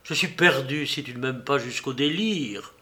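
A man's voice: medium pitch, normal speed, pushed and bright, lightly acted. A man voicing a desperate, tormented young male lover in an audiobook, with impassioned, pleading delivery. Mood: anguished.

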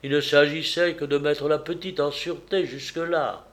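A man narrating a novel aloud in a measured, even reading voice. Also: on the high side. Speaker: audiobook reader.

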